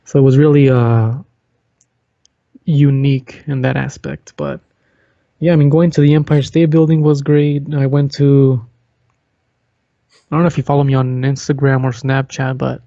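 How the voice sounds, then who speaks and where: Mellow man on a dull, dry mic. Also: mid-range voice, normal speed, long pauses, dry recording. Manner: relaxed storytelling, easygoing. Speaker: podcast co-host. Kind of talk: casual chat.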